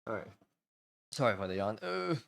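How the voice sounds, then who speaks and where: Young male streamer, lowish voice, loose rambling chat with frequent laughs and casual swearing. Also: big pitch swings, moderate pace, creaky, a bit bright.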